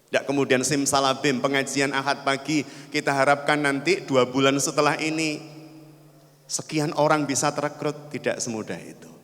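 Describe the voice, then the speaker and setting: A man's voice: fairly high pitch, sharp tone. Javanese-accented man preaching in a hall. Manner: storytelling, acting out voices of parents and children, addressing the audience directly. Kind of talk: sermon.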